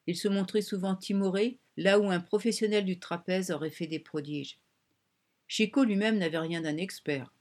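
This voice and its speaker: A woman narrating a French novel's audiobook in a steady, even reading. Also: lowish voice. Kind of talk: scripted narration.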